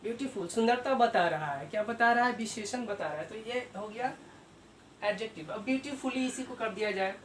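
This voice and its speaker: A man teaching grammar at a board, who asks himself questions, answers them and repeats key terms slowly. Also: high-pitched. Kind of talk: explaining a lesson at a board. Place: room with a writing board. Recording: echoey room, mic far off, faint hiss.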